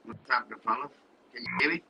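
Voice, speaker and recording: A man's voice: medium pitch, fast talker, creaky. An Australian man calling into a casual live chat, his voice muffled and faint as if underwater because of a faulty microphone, talking bluntly with casual swearing. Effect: muffled, underwater-sounding faulty microphone. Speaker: caller joining a live stream. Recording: faint, distant, muffled bad mic.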